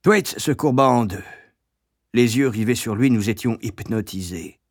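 A man narrating an audiobook in a measured, grave storytelling manner. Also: mid-range voice, no room sound, studio quality.

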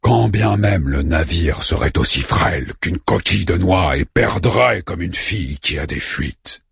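A man voicing a big, calm male robot in an audiobook, speaking slowly, low and measured. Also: vocal fry, husky, no room sound, clean studio sound, full character voice. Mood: calm, wry.

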